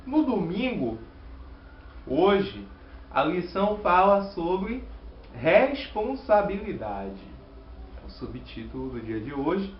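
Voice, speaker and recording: A man with a Bahian Brazilian accent explaining a Sabbath School Bible lesson in an earnest, measured teaching manner. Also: high-pitched, big pitch swings, echoey room, lo-fi sound, a little hiss or hum. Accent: Bahian Brazilian Portuguese. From Salvador, Bahia, Brazil.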